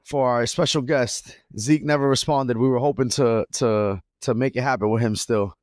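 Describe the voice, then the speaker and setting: A man's voice: medium pitch, steady tone, normal speed, no room sound, clean studio sound. A young man co-hosting a podcast, telling a story in casual chat full of slang and restarts. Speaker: podcast co-host. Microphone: podcast mic.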